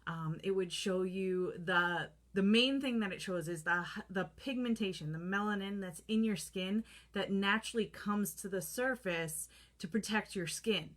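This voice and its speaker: A woman's voice: mid-range voice, a little slow, a bit bright. A woman in her thirties talking casually to the camera about skincare, chatty and full of fillers, acting out her own reactions. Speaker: holistic skincare vlogger. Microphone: camera close up, holding products to the lens.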